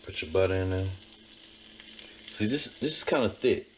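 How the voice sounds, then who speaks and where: Deep-voiced man cooking at home. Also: animated, normal speed, a little hiss or hum. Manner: emphatic, repeats his points. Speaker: home cook vlogger. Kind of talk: casual cooking demonstration. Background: sizzling pan on a stove.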